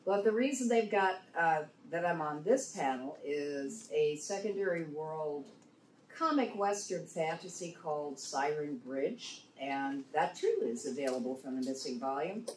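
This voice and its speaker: Woman writer, casual panelist, somewhat low register, roomy sound with slight noise. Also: animated, unhurried, a little mellow. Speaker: fiction writer on a convention panel. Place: indoor convention panel room. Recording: echoey room, distant mic, faint noise.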